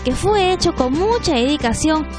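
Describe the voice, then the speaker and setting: A woman reporter reading a scripted news feature narration in a smooth, even delivery. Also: high-pitched, normal speed. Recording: background music under voice-over.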